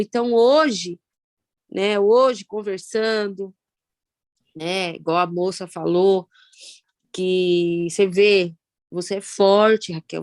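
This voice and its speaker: A Brazilian woman in her thirties with a Brazilian Portuguese accent, telling her own story of loss in a halting, reflective way with many pauses and fillers. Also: a little high, dry recording. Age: 30s. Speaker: guest sharing personal story. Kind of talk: emotional personal testimony.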